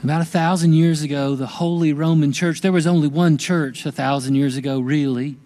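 A male pastor preaching a sermon in a church service, speaking slowly and deliberately and dropping to a hushed whisper on key words. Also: a little high, steady tone. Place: church sanctuary during a worship service.

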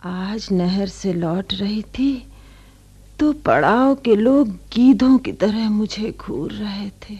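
An actress in a radio play voicing a weak, feverish, destitute woman who speaks faint and hushed. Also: medium pitch, slow pace, breathy edge, lo-fi sound. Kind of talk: radio drama acting.

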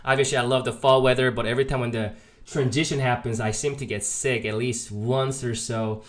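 A market analyst hosting a trading update speaks in voice-over on a screen recording, giving informal, emphatic chart commentary with rhetorical check-in questions. His medium-pitched voice is fairly even and a little fast, and slightly congested from a sore throat and sinus trouble.

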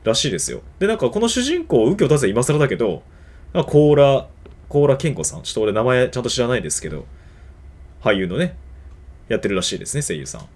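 A man casually commentating a video game he is playing, reacting excitedly and grunting along with the fights. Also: mid-range voice, fast. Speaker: game streamer. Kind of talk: casual let's-play commentary. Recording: game audio with music behind.

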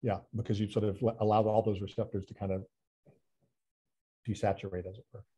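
A man with a husky, mellow voice talks through a presentation over a video call. His delivery is chatty and self-deprecating, full of restarts and little fillers as he thinks aloud. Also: fairly low pitch, flat delivery, brisk. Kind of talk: casual online talk presentation.

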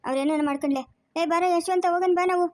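A woman voicing a soft-hearted grandmother begging tearfully in a family cartoon. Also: very high voice, rapid-fire, dry recording, studio quality. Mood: pleading.

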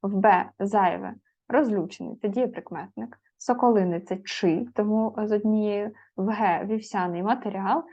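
A woman teacher explaining spelling rules to students, patient and methodical, pausing on fillers and spelling out letters. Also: mid-range voice, dark tone. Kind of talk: spoken grammar lesson. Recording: slightly dull lo-fi audio.

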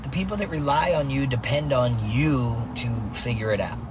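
A man coaching softball who talks in an energetic motivational monologue, tagging his points with "right?" and "man", recorded in a car. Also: medium pitch, normal speed, background noise.

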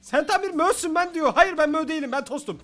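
A man's voice: very high-pitched, fast, a bit bright, soft background music. A man commentating his own game as a gaming YouTuber, playful and chatty, laughing often and joking with the creatures he meets. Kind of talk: let's play commentary.

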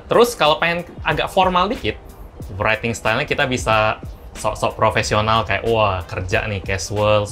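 A man, a tech reviewer talking casually through a phone demo, chatty and quick to laugh. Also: lowish voice. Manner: chatty, laughs often, animated bursts.

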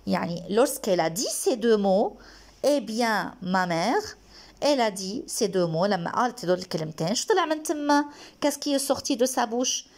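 Lively woman teacher. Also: fairly high pitch. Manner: slow, repeated dictation of French lines followed by quick Arabic glosses. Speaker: language teacher. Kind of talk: bilingual lesson explaining a text.

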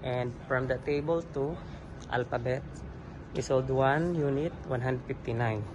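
A man giving a walkthrough sales report in a large home goods store, filmed on a handheld phone, listing collections and figures with pauses. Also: mid-range voice, noisy background. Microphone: handheld phone camera.

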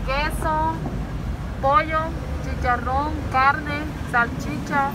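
A woman street vendor, speaking through a face mask and giving short, soft answers to a customer at her outdoor stall. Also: high voice, fairly even intonation, very slow. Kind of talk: casual chat with a customer. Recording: street traffic noise behind.

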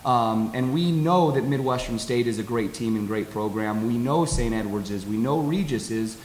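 A middle-aged American man, a college soccer coach, giving measured, halting answers in a post-game interview. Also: mid-range voice, darkish tone. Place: press conference table with backdrop. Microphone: table stand microphone. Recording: echoey hall, audible hiss.

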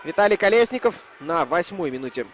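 A man's voice: a little high, lively intonation, a little fast, a little hiss or hum. A man giving live commentary on an ice hockey match as it unfolds.

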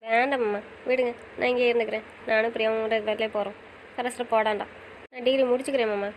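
Quick, higher-voiced young woman teasing. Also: fairly even intonation, slight background noise, rough recording. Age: young adult. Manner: affectionate, teasing, pleading. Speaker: wife in a couple's chat. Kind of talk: casual couple banter.

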